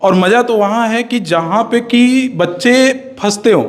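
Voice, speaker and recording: A man's voice: very high voice, a little slow. A man teacher explaining his teaching method with emphatic confidence, repeating key points.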